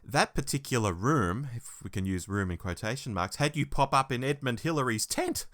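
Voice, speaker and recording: A man's voice: mid-range voice, lively intonation, normal speed, a bit bright. A man co-hosting a podcast, musing over an episode and chuckling as he talks. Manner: musing, chuckles while talking. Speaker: podcast co-host. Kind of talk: casual review chat.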